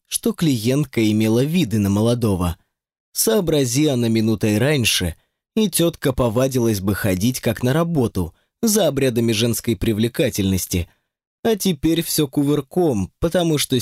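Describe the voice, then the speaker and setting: A man narrating an audiobook in an expressive, wryly ironic storytelling manner. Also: mid-range voice, no room sound, studio quality. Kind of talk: scripted narration.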